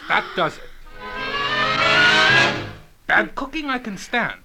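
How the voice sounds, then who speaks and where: An actor playing an indignant, easily flustered husband in a radio comedy sketch, sputtering and stammering. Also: male voice, high voice, very animated, takes it slowly, creaky, loud music behind the voice, exaggerated voice.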